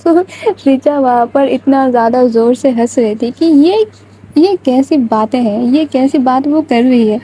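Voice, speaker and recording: A woman's voice: high voice, mellow, husky, poor audio. A woman telling a love story in a chatty, informal way, talking straight to her listeners. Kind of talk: casual spoken storytelling.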